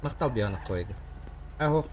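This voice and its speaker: A man chatting casually on a game stream, brash and quick to swear. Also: mid-range voice, lively intonation, slight background noise. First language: Yakut. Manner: brash, combative, heavy swearing.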